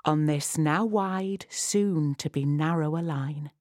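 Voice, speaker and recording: Low-voiced woman speaking intimately, right in your ear. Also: a little mellow, no echo, studio quality. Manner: measured, instructive, addressing the listener directly. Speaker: audio walk guide. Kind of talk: poetic scripted guided narration.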